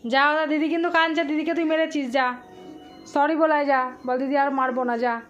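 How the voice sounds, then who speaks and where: A woman's voice: high voice, fairly even intonation, brisk, highs cut off. A woman, a mother scolding her young daughter at home in a firm, coaxing, repetitive way, with mild threats. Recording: loud music over the voice.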